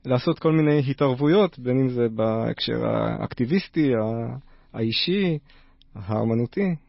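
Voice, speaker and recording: A man being interviewed, telling stories conversationally and haltingly as he searches for his words. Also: mid-range voice, animated, creaky, no echo, dull audio. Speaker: interview guest, university teacher and activist artist.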